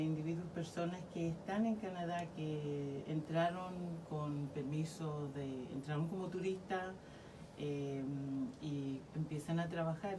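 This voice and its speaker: Chilean woman, low-pitched, measured legal explainer, off-mic with audible noise. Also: distant mic. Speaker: community legal worker. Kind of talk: radio interview guest.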